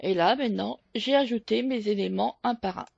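A woman with a fairly high, gravelly and husky voice walks through a photo editing tutorial. She talks slowly and hesitantly, full of fillers. The recording is dull and lo-fi, with a dry close mic. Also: darkish tone. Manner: slow, hesitant step-by-step explaining with many fillers. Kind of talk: screen-recorded software tutorial.

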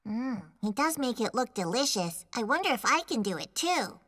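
High, cheeky little anime girl. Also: big pitch swings, moderate pace, a bit bright, dry recording, clean studio sound. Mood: curious. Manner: exclamatory, childlike. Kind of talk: overacted anime dub.

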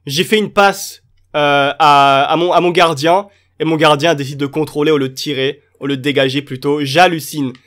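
Excitable gamer, fairly high voice. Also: male voice, normal speed. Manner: excitable, cheers and shouts at plays. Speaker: gaming YouTuber. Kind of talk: live gameplay commentary. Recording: light music underneath.

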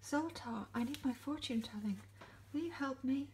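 A man putting on a high, pleading voice as a fretful customer at a fortune machine. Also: moderate pace, darkish tone, a little hiss or hum. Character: anxious customer with a high, put-on voice.

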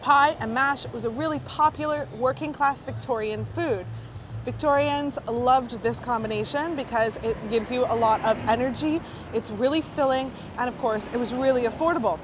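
A woman leads a food tour vlog outdoors and in small food shops, talking in a chatty, enthusiastic way against a noisy street. Her voice is a little high, and she keeps a moderate pace.

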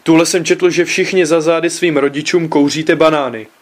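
Man reading as a shouting, suspicious dad. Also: a little high, steady tone, close to an everyday voice. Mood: indignant. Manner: loud, indignant, shouting outbursts. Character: excitable suspicious middle-aged father, man.

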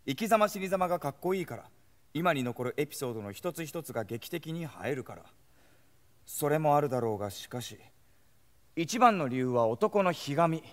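A man's voice: mid-range voice, long reverb tail. Reflective male stage narrator. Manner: reflective, musing.

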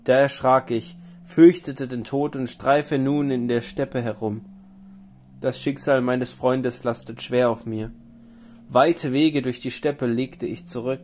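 A man's voice: medium pitch, steady tone, takes it slowly, a little mellow, lightly acted. Male reader as a mourning wandering hero king in an audiobook epic, solemn and lamenting. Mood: grieving.

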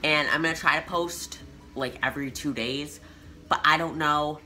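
A man's voice: a little high, normal speed, faint music behind. A teenage boy telling a casual storytime to his channel, chatty and full of "like" fillers. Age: teens. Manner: chatty, filler-heavy with frequent "like"; youthful and animated. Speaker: vlogger.

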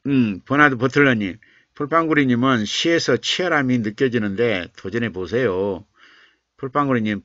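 A man's voice: mid-range voice, bright, forceful tone, no room sound, lo-fi sound. A man hosting a live stream, reading viewers' comments and coaxing them, then muttering and repeating lines as he revises their poems aloud. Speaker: live-stream host, writing teacher.

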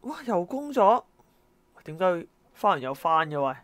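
A woman's voice: lowish voice, sing-song, normal speed. A woman giving exasperated let's-play commentary, exclaiming at the characters in her game. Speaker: gameplay commentator.

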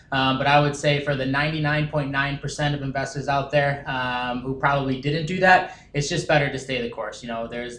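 Casting: earnest young research analyst, lots of um's, echoey room. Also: male voice, mid-range voice, a bit bright, a little hiss or hum. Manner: earnest, many "um" fillers. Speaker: director of research. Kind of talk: explaining market data. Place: wood-paneled conference room. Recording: roomy conference room echo.

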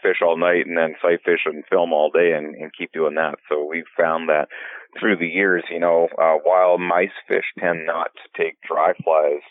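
Man, guest on a fishing podcast, very low voice, rambling with restarts, phone-line sound. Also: level tone, moderate pace, dry recording. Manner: rambling, with many restarts and fillers. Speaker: fly fishing guide and filmmaker guest. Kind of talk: relaxed podcast interview.

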